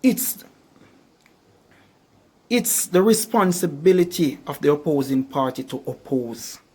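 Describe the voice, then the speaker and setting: A man delivering a motivational speech in a somewhat higher register. He hammers his points home with repeated rhetorical questions and leans slowly on the words that matter. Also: animated, a little mellow, slightly rough. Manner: emphatic, repetitive rhetorical questions. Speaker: motivational speaker.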